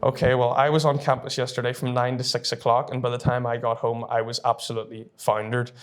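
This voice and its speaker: A young man with a Northern Irish accent gives a casual explainer to camera. His voice sits at a medium pitch and his delivery is informal and chatty, with music in the recording. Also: level tone, fast. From North Down, Northern Ireland. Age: early 20s. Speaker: university student presenter.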